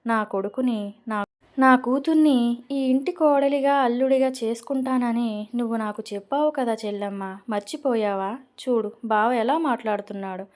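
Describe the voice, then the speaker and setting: A woman reading an angry middle-aged father in a storybook drama, bitter and pleading by turns. The tone stays soft and fairly high. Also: normal speed, close to an everyday voice.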